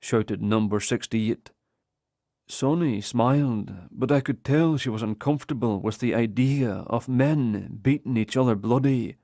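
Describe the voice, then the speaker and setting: A man narrating an audiobook in the first person with slow, measured storytelling. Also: medium pitch, dark tone, no room sound, clean studio sound.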